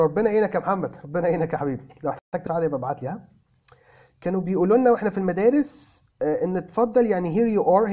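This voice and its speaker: Fast-talking Egyptian man, high voice. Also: dark tone, dull audio. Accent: Egyptian Arabic. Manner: answers viewers by name, switching between Arabic and English phrases. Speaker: English teacher answering viewer comments. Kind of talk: casual chat. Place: in a car.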